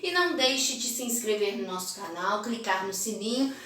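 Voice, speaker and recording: A woman teacher with a Brazilian Portuguese accent explaining a phonics exercise, stretching words out slowly. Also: medium pitch, lively intonation, sharp tone. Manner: slow, stretched-out word pronunciation. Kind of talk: video lesson correcting phonics homework. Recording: echoey room, voice a bit far from mic.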